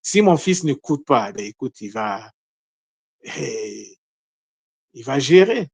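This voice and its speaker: A man delivers a spontaneous spiritual lesson in an earnest tone, circling back over words and restarting his sentences as he thinks. His voice sits at an ordinary middle pitch. The recording is dry and close, with almost no room sound. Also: big pitch swings, slow, creaky, slightly rough, dry recording. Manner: earnest, repeats words and restarts phrases often. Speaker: spiritual teacher. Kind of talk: unprepared spiritual teaching talk.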